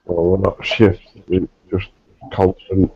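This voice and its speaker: A man's voice: deep voice, completely flat delivery, takes it slowly, creaky, warm tone, breathy edge, dry recording. A man hosting a casual online group chat, rambling with fillers and swearing. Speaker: host of an online chat show. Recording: lo-fi, dry online call audio.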